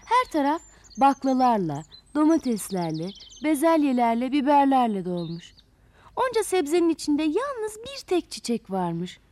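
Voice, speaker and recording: A woman narrating a children's story in an expressive storyteller manner, speaking to young listeners. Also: high voice, normal speed.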